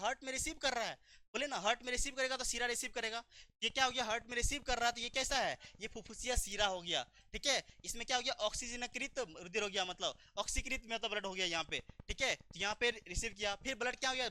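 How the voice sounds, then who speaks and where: A man's voice: extremely high pitch, bright, forceful tone, no room sound. A man teaching a biology lecture, asking his own questions and answering them, repeating key terms.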